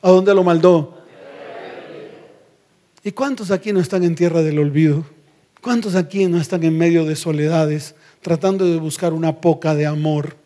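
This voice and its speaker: High-voiced pastor preaching hard, lots of questions at the crowd. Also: male voice, steady tone, normal speed, dark tone. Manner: emphatic, questioning, drops to low voice for emphasis. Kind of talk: sermon.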